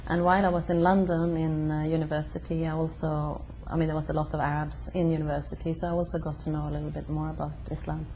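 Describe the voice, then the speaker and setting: Young Swedish-born woman, low, warm voice, halting with fillers, faint hiss. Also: level tone, rough recording. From Sweden. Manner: hesitant, many fillers and pauses. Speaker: interviewee. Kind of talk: casual conversation. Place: her home.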